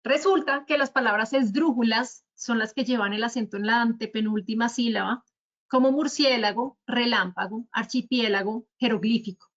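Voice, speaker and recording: A woman's voice: fairly high pitch, moderate pace, fairly bright tone, muffled recording. A woman with a Colombian Spanish accent explaining spelling rules at a virtual talk, going through examples one by one in a didactic way. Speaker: speaker at a virtual talk on writing. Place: virtual conference.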